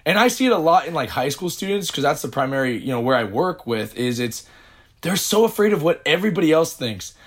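A man co-hosting a casual faith podcast, rambling and restarting as he tells stories with animated retellings. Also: fairly high pitch, fast talker. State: hiccups. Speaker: podcast co-host.

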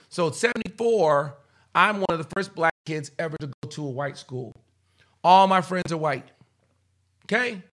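A man in his fifties from the United States, telling stories in an animated podcast chat and tagging lines with "okay?". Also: fairly high pitch. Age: 50s. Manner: emphatic, repeats "okay?" often, acts out quotes. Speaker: guest.

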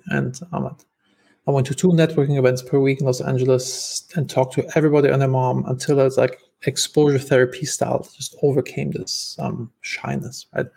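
A German-accented man chats as a podcast guest, telling stories casually and talkatively, full of fillers and restarts. His medium-pitched voice is gravelly, husky and a little mellow.

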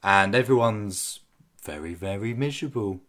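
A man reviewing a film in a scripted segment and then chatting casually as a podcast co-host, lively and opinionated. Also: on the low side, normal speed.

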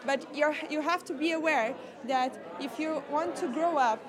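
A young woman from Portugal, a scout, answering interview questions in a halting way, searching for words. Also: high-pitched. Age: young adult. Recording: crowd chatter behind.

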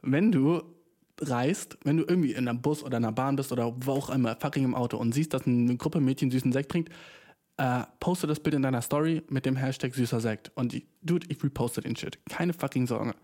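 A young male podcast host rambles through a casual solo monologue. His voice sits at a mellow, relaxed, mid-range pitch, and his talk is loose, profane and full of slang borrowed from English. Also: a little fast.

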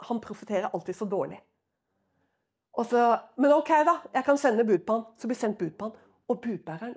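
A woman preaching a sermon, telling stories in a lively, casual way with everyday fillers. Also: fairly high pitch.

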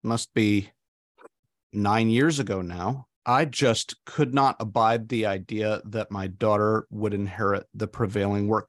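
A man's voice: fairly low pitch, no room sound, studio quality. A guest in his forties speaking in a casual interview, hesitant and full of fillers. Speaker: podcast guest.

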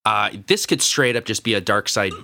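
Man, podcast co-host, casual rambling chat, bright tone. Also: fairly low pitch, expressive, moderate pace, gravelly. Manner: rambling, filler-heavy music talk.

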